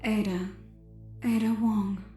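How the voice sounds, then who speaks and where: Woman acting Ada Wong, cool bright-voiced femme fatale. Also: mid-range voice, fairly even intonation, takes it slowly, roomy sound, soft background music, lightly acted. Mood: cool, composed. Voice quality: satiny. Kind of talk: audiobook drama character dialogue.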